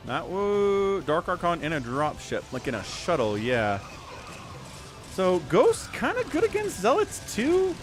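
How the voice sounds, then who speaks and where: A man's voice: high-pitched, huge pitch swings, unhurried, soft background music. Casting: male stream commentator, lightish voice, swooping intonation, chatty and wry. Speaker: livestream game commentator. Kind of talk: casual esports commentary.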